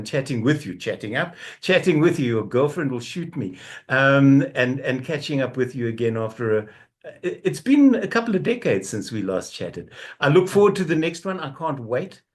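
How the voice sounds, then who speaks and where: A man's voice: mid-range voice, sing-song, normal speed. A man hosting a book interview show, teasing his guest and laughing often in casual chat. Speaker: radio show host.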